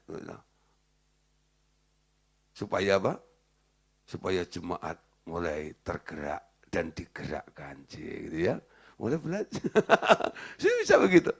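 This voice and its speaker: A man's voice: fairly low pitch, gravelly, slightly rough. A man preaching a casual sermon as a pastor, firing rhetorical questions at the congregation and laughing at his own points. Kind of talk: conversational sermon.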